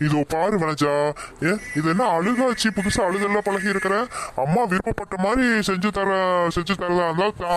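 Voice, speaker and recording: Man doing a cartoon husband, high voice, mild, placating, Tirunelveli Tamil accent. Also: normal speed, a bit bright, a little hiss or hum. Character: young husband torn between wife and mother. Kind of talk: cartoon voice acting.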